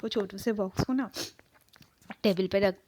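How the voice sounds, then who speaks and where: A woman retelling a fan fiction story in a loose, chatty way, padding her sentences with filler words. Her voice sits at an ordinary middle pitch for a woman. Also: moderate pace, warm tone, a little hiss or hum.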